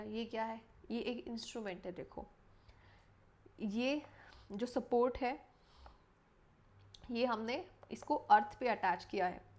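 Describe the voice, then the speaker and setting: A woman's voice: fairly high pitch, a little mellow. A young woman gives an exam-prep lesson from a room at home, explaining each idea step by step. She poses questions to her students and answers them herself. She stops to correct herself and goes back over the main points. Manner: self-correcting, repeats key points. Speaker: teacher.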